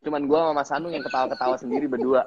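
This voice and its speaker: A man, a guest actor on a casual live stream, telling stories in a joking, lively way. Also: medium pitch, very fast, slight background noise. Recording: dull lo-fi livestream audio.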